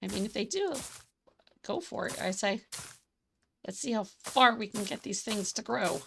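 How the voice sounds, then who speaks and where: A woman narrates her building session in a loose, chatty way, thinking aloud and poking fun at herself. Her voice has a gravelly fry and a slight hoarseness from losing it. A faint hiss sits under the desk mic. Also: medium pitch, lively intonation, normal speed, bright, forceful tone. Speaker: streamer. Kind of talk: casual gaming livestream commentary.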